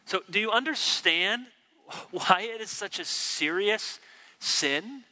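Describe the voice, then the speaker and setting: A man's voice: sits high, lively intonation, takes it slowly, sharp tone. A man preaching an expository sermon, teacherly, who acts out the quoted complaints from scripture. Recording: long hall reverb.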